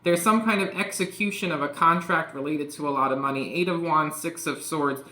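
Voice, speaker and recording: A man's voice: fairly high pitch, brisk, sharp tone. A man giving a casual tarot reading, rambling and peppering his talk with "like" and "you know". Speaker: tarot reader. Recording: echoey room.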